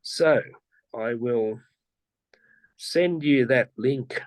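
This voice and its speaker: Heard over a rough, dry video call recording, a medium-pitched man who teaches explains classroom concepts in a relaxed online interview. His delivery is patient and slow, with many restarts and repeats.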